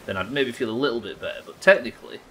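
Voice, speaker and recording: Racing along in a mid-range voice that's pushed and bright, a British man in his thirties streams a game live with a little hiss or hum in the background. His commentary from the small indoor room is casual, sweary and rambling, full of self-questioning as he talks to viewers.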